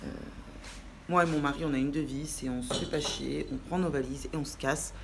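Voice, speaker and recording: A young adult woman with a rough, croaky morning voice and some vocal fry, chatting casually and frankly to camera as a self-deprecating vlogger. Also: low voice, fairly even intonation, a little fast, noisy background. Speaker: vlogger and mother.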